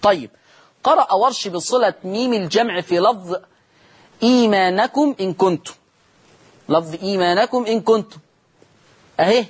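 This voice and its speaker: A man's voice: high voice, breathy edge. A man with an Egyptian accent teaching Quran recitation rules on television, explaining step by step and answering his own questions. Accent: Egyptian Arabic.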